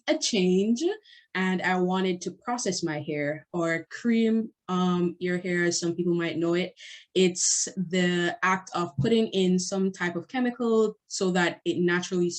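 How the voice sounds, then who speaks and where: A young woman guest telling personal stories in a chatty, animated way. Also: fairly low pitch. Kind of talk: casual personal storytelling.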